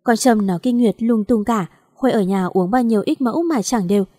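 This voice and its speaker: Woman reading as old mom, gentle and anxious, pleading, dry sound. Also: a little high, brisk, breathy edge, no room sound. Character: worried elderly mother, gentle woman.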